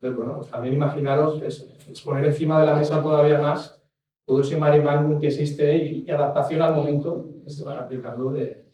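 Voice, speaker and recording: A man's voice: a little high, fairly even intonation, fairly quick, warm tone, slight background noise. A man giving a rambling talk as an industry expert, restarting and adding asides. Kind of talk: talk on packaging regulation. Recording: echoey room from far off mic.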